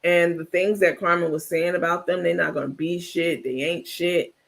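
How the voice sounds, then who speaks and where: A man hosting a live stream, casually gossiping and reacting to his viewers' chat in an animated, blunt, talkative way. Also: on the high side, normal speed, gravelly. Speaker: livestream host.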